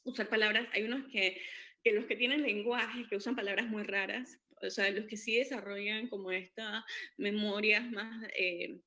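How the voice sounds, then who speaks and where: Bright-voiced woman explaining. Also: mid-range voice, fairly even intonation, moderate pace. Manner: hesitant, many fillers and restarts. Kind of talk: informal educational talk.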